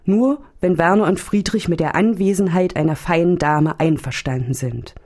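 A woman's voice: on the low side, normal speed, darkish tone, close to an everyday voice. Woman voicing fussy old nun-nurse. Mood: tender prayer. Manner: fussy, sighing, praying aloud. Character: kindly pious old nun-nurse, childlike cheer.

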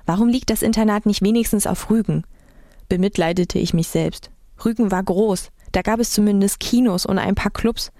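A woman reading a first-person novel aloud with even, wry storytelling. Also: mid-range voice, no echo, studio quality. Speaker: audiobook reader.

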